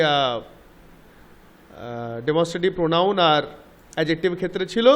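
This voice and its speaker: A high-pitched man teaches a grammar class. He reads each English example slowly, then explains it at a brisk pace and asks whether it is clear. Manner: asks the listener check questions.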